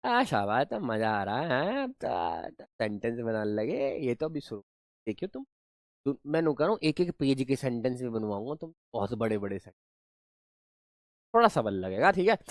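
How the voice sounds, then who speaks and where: A man's voice: mid-range voice, sing-song, moderate pace, no echo, studio quality. A man teaching English grammar in a live online class, explaining through playful rustic storytelling.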